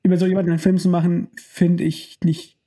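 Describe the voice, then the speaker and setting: In a laid-back chat about movies, a young adult male podcast co-host speaks fast in a high, warm voice with little pitch movement. He wanders off topic, cracks jokes, and often trails off partway through sentences.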